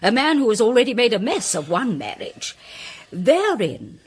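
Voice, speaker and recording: In a dramatised audio mystery, a grand, self-important woman playwright makes a formal speech presenting her case. Her slightly high, slightly husky voice is hugely animated, declamatory and grandiloquent, with deliberate emphasis and a pointed, assured mood.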